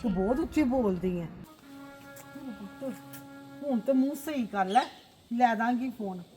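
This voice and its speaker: A woman playing a patient mother gently coaxing her daughter in a family drama. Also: on the high side, a little slow, soft background music, natural voice. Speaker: actor.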